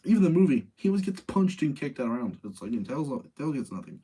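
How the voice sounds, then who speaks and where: Here the video game movie ranking show's host speaks at medium pitch with a very animated, quick delivery. His tone is warm but slightly rough, and he keeps things chatty and opinionated as he addresses listeners live.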